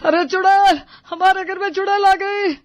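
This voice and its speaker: A woman voicing a frightened older husband in an animated storybook, shouting in panic. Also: high voice, slow, no room sound. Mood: scared. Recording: dull lo-fi audio with music.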